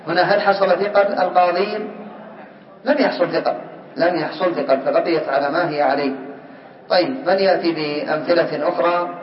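A man teaching a grammar class, questioning students by name and drilling word forms slowly. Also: on the high side. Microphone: far from the mic. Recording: distant, roomy, dull lo-fi recording.

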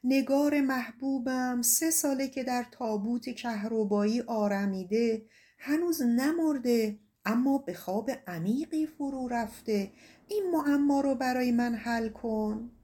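A woman's voice: a little high, dark tone, close to an everyday voice. A woman voicing a lovesick young shepherd, pleading. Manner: pleading, calling out, raised and earnest.

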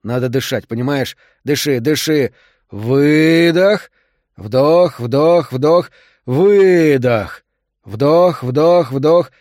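Gruff male doctor under pressure, urgent commands, dry close sound, read by a male narrator. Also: mid-range voice, normal speed, darkish tone, dry recording, close to an everyday voice. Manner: barking urgent orders. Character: male doctor forced into emergency surgery, gruff, bossy.

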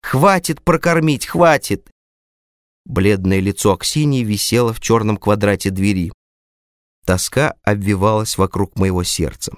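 A man's voice: lowish voice, normal speed, no room sound, studio quality. Man narrating a dramatic audiobook. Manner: expressive, dramatic first-person reading. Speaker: audiobook reader.

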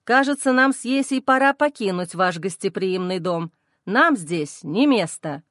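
A woman voicing a hostile, scornful young man in an audiobook, speaking lower and sneering. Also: expressive, unhurried, fairly bright tone, dry recording, studio quality. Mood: cold. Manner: sneering, snappish.

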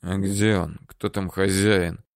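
A man voicing a hard, threatening male interrogator for an audiobook, talking curtly, slowly and low. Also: level tone, vocal fry, dry recording, studio quality, heavily acted. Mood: cold. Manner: curt, threatening, slow and low. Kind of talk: audiobook character voice.

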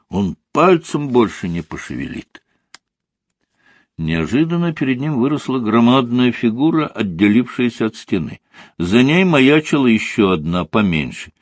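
Expressive male audiobook reader. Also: medium pitch, no echo, clean studio sound. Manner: expressive, storytelling. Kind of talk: audiobook narration.

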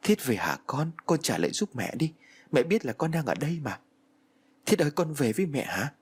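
A man's voice: on the high side, very animated, moderate pace, husky, pitched above the performer's own voice, heavily acted. A man voicing a grieving village mother who wails and pleads for her dead son in a spoken ghost story. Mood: wailing. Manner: wailing, pleading.

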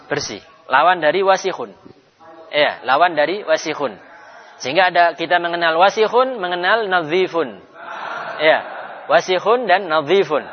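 A man teaching an Arabic class in a mosque, drawing out each word slowly for students to repeat. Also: on the high side. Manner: drills slowly, drawn-out Arabic words for repetition. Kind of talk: live mosque class lesson. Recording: dull sound, long reverb of a hall.

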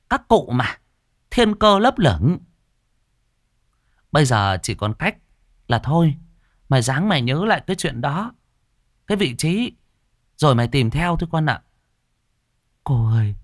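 A man's voice: no room sound, studio quality. A man voicing a fierce middle-aged female spirit medium who scolds people bluntly, in a storybook reading. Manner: shrill scolding, bossy and blunt.

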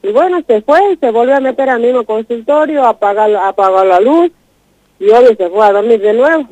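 A woman's voice: fairly high pitch, lively intonation, brisk, dark tone, no room sound. A woman urgently retelling a distressing personal story as a radio guest, repeating herself as she goes. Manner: urgent, repetitive, retelling in a rush. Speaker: guest telling her story. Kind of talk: emotional first-person account. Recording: dull lo-fi radio broadcast.

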